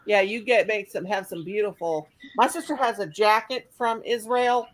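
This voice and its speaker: A woman's voice: medium pitch, steady tone, normal speed, a loud crowd, rough recording. A woman from Missouri, hosting a casual craft livestream in an effusive, folksy way. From Missouri, USA. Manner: effusive and folksy, says honey. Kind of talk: casual group chat.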